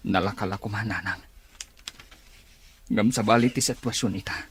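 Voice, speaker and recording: A man's voice: fairly low pitch, fairly even intonation, normal speed, slight background noise, natural voice. A middle-aged man playing a troubled married son in a radio drama, speaking earnestly and pleadingly. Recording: radio drama with music underneath.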